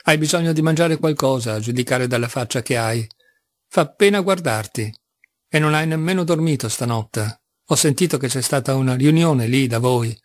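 A man's voice: mid-range voice, normal speed, no echo, studio quality, lightly acted. A man reading an audiobook, voicing a mocking, ironic young male seminarian who teases with astonished sarcasm. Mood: teasing. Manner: teasing, sarcastic, by turns astonished. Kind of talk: audiobook reading of a classic novel.

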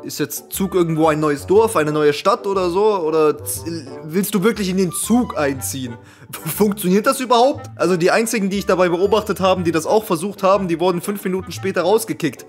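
A young man's high-pitched voice delivers casual video commentary. He is exclamatory and incredulous, joking along in loose slang. Light music plays behind him. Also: a little fast. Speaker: reaction video host.

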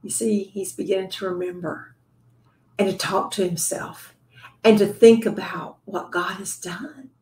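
A woman giving a devotional Bible teaching to other women, earnest and conversational, sometimes dropping to a soft whisper. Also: medium pitch, steady tone, unhurried, reverberant, slight background noise.

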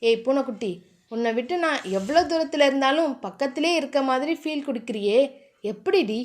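A woman's voice: high voice, animated, moderate pace, fairly bright tone. A woman voicing a stern young man, curt and teasing, from a storybook romance.

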